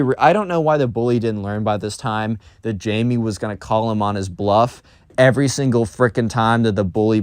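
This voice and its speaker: A man's voice: mid-range voice, darkish tone, no echo, clean studio sound. A man telling a story on his vlog in a casual, rambling way, full of fillers. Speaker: storytime YouTuber.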